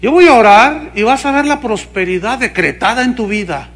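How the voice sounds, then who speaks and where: A pushy, greedy TV preacher, put on by a male pastor mid-sermon, speaks with a Mexican Spanish accent. The voice sits high and strained upward, wheedling and singling out one listener after another. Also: expressive, moderate pace, fairly bright tone, heavily acted.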